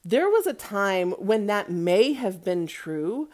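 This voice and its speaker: A woman with a medium-pitched, sing-song, slightly mellow voice speaks slowly as she hosts a casual, opinionated movie review monologue for her podcast. She's chatty and emphatic, checking in with the listener through rhetorical asides like "right?" and "okay?".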